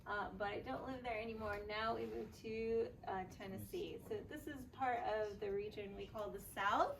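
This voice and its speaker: Woman from Los Angeles, teacher, hesitant, fry in the voice, clear background noise. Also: medium pitch, moderate pace. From Los Angeles, California, United States. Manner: hesitant, with many "um"s and "like"s. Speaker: teacher and co-presenter. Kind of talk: casual talk in a class. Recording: distant mic with noise.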